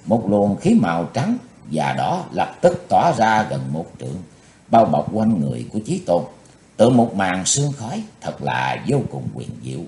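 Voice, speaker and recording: A man's voice: deep voice, darkish tone. A man narrating a martial-arts novel as an audiobook, telling it in a dramatic, varied way. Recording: roomy echo.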